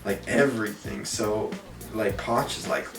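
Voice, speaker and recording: A man's voice: fairly low pitch, a little slow. Drunk male storyteller, casual and crude, repeats himself, recorded in a roomy space. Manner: drunk, rambling with repeated words; crude, slangy, quoting characters. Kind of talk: casual comedic movie retelling. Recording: roomy, distant mic, faint music.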